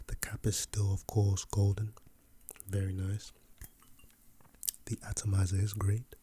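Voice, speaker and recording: A man playing a laid-back, chatty fragrance salesman in a soft, breathy ASMR role-play for ASMR, with an unhurried, casual patter. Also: on the low side, completely flat delivery, slight background noise, lightly acted.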